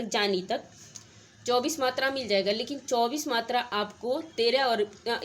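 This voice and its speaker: A woman's voice: a little high, a bit bright. A woman teaching Hindi literature, going through a model exam paper and explaining each answer directly to her students. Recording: faint background noise.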